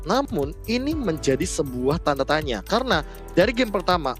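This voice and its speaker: A somewhat high-voiced man with an Indonesian accent breaks down an esports match. He talks conversationally, point by point, with faint music underneath. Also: sing-song, moderate pace, a bit bright. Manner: explains point by point. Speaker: esports analyst commentator.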